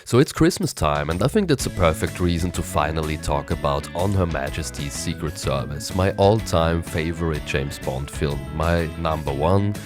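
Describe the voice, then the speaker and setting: A movie review vlogger with a very deep voice, raspy and hoarse from a cold, rambles enthusiastically through a casual film review with hesitant restarts. He's expressive at a moderate pace with few pauses, speaking over music.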